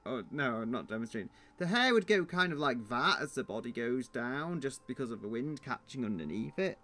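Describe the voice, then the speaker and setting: A man's voice: medium pitch, expressive, a little fast, sharp tone. A man streaming his drawing, thinking aloud in a muttering, self-deprecating way.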